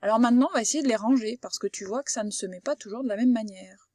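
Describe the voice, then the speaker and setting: Recorded cleanly in a studio without room sound, a woman with a mellow, higher-pitched voice teaches phonics to a child. This primary school teacher works slowly and patiently, carefully articulating as she sounds out every word.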